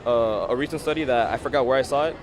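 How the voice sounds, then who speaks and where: An eighteen-year-old man from Miami talks earnestly and quickly, dotting his answers with "like" fillers. His pitch is average for a man. He is interviewed outdoors at an election event. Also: background noise. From Miami, Florida. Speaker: college student and first-time voter. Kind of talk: street interview.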